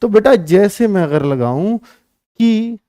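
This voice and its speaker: A man teaching an exam-prep grammar class, talking slowly and repeating each phrase for his students. His voice sits high and sounds smooth and clear. The recording is dry and close, with no room sound. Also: animated, warm tone, no echo. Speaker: Hindi teacher.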